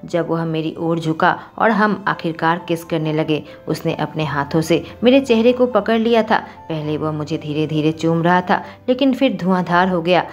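Woman storyteller, first-person romance narration, somewhat low voice, faint background music. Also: normal speed, few pauses.

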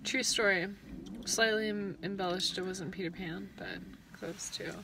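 A woman's voice: mid-range voice, fairly even intonation, moderate pace, noisy background. A woman co-host in casual chat, playful and rambling, laughing often.

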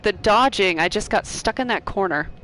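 A woman's voice: mid-range voice, a bit bright, slight background noise, rough recording. Bubbly chatty woman streamer. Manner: bubbly, chatty, quick to laugh and joke. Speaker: streamer playing a game. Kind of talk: casual live-stream chat.

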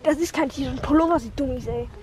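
A woman playing a scatterbrained 66-year-old mother in a comedy sketch. She is hoarse from a cold and rambles crudely outdoors on a rainy street. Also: high-pitched, fast, a little hiss or hum, close to an everyday voice. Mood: chatty. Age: 60s. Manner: talks quietly so she won't wake the neighbours. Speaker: title character. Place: outdoors on a steep street in the rain.

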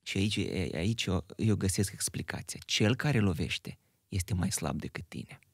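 Deep, husky male interview host. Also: lively intonation, dry recording, clean studio sound. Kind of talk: conversational interview.

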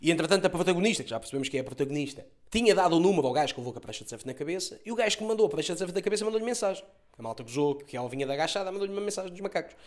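A man's voice: sits high, expressive, very fast. A Portuguese man with a Lisbon accent doing a sarcastic comedy recap of a TV episode, swearing and mocking the plot. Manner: mocking, swears a lot, mimics characters. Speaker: comedian reviewing a TV series.

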